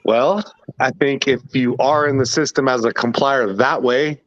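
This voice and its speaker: A man's voice: medium pitch, steady tone, unhurried, fairly bright tone, no room sound. A man talking in a laid-back, matter-of-fact way on a livestream panel, heard over dry, lo-fi call audio. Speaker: panel guest. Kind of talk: casual livestream panel talk.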